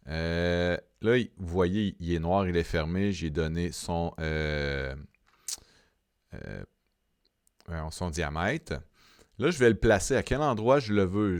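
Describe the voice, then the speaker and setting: A man with a Québécois French accent talking through a software tutorial step by step, halting often with fillers and repeated words. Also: low voice, no echo, clean studio sound. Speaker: software instructor. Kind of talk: screen-recorded software tutorial.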